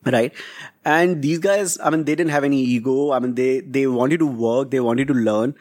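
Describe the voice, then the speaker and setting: A man's voice: mid-range voice, moderate pace, a little mellow. A man with a North Indian accent answers interview questions as a company founder. He talks conversationally and slips between English and Hindi. He often tags his phrases with a checking "right?". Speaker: interview guest, startup founder.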